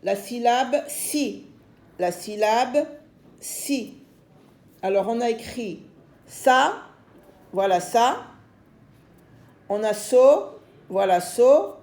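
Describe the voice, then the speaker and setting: Slow, patient French woman teaching phonics. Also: a little high, animated, a little mellow, roomy sound. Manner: slow, patient, repeats words and syllables. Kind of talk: phonics lesson for young children.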